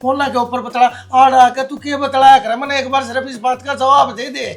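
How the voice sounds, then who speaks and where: A man's voice: very high-pitched, flat delivery, moderate pace. An actor playing a grumbling old Haryanvi father. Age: older. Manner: complaining, exasperated.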